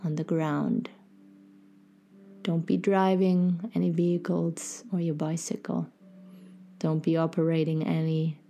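A woman leading a guided meditation in a soft, gentle, soothing way, with phrases sometimes fading toward breathy near-whisper. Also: on the low side. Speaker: podcast host and meditation guide.

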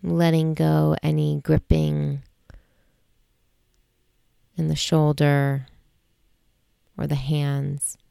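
A woman guiding a sleep meditation in a slow, soothing, hushed way. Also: deep voice, completely flat delivery, vocal fry, clean tone, no echo, clean studio sound. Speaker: meditation guide.

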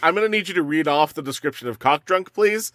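A man with a fairly high, expressive voice banters as a comedy podcast co-host. The sound is bright and close, with a very dry room. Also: fast talker, no echo.

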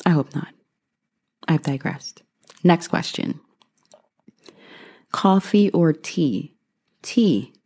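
A woman's voice: deep voice, expressive, extremely slow, long pauses, darkish tone, slightly rough. A woman in her thirties from Guyana, answering questions in a casual vlog with a reflective, dry sense of humor. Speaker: vlogger.

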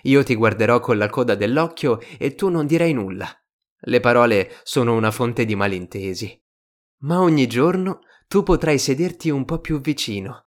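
A man doing a wise, gentle storybook fox. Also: mid-range voice, normal speed, natural voice. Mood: reflective. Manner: calm, reflective storytelling voice. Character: wise, gentle fox, patient and a little melancholy.

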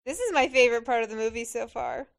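High-voiced, expressive woman. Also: fast talker, vocal fry. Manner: gushing, expressive. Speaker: movie reaction commentator. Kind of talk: casual film-watching chat.

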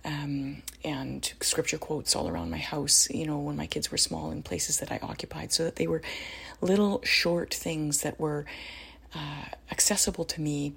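A woman's voice: sits low, animated, moderate pace, gravelly, a bit bright, husky. A middle-aged woman giving parenting advice in a casual, earnest and encouraging way, often adding "you know" and "right?". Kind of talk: casual spoken advice talk.

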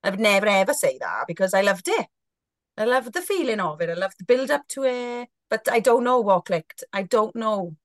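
A woman in her thirties speaks candidly as a podcast guest, her voice at a middle pitch. She talks frankly and expressively, often circling back and restarting her sentences. The recording is dry and close. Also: sing-song, normal speed, no room sound.

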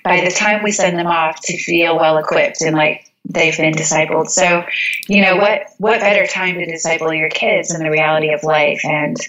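Low-voiced woman, measured and reflective. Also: steady tone, fairly bright tone, muffled recording. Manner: measured, thoughtful, many "you know" fillers. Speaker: interview guest. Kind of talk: reflective interview talk.

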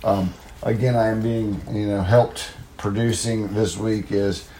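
A man with a low, gravelly, worn voice hosting a casual gaming podcast solo, in a meandering, self-deprecating way. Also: flat delivery, measured pace, mellow, poor audio. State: voice worn from talking over crowds of children. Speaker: podcast host. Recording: noticeable background noise.

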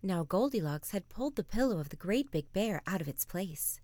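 A woman reads a bedtime story in a soft, gentle voice, often sinking into a whisper. Her voice sits in a middle range, and she is close and dry on the mic. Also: mid-range voice, animated, normal speed, no echo.

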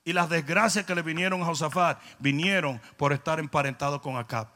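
A man with a Dominican accent preaching a humorous sermon, telling stories with comic voices and building to loud, emphatic peaks. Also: fairly high pitch, steady tone, brisk. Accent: Dominican Spanish. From Dominican Republic. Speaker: pastor.

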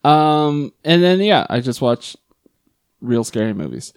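Lively-voiced male podcast co-host. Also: mid-range voice, measured pace, smooth, no echo, clean studio sound. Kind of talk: casual chat.

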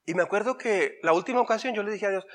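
Mexican pastor guy preaching, high voice, goes loud then soft, restarts words a lot. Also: fast. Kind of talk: sermon.

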